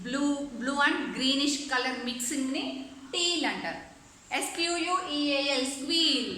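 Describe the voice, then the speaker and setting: High, bright-voiced woman teaching in an echoey room. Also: a little hiss or hum. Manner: spells words out letter by letter, then explains each slowly; mixes English words into her teaching, asks the class questions. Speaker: English teacher. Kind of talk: online classroom lesson.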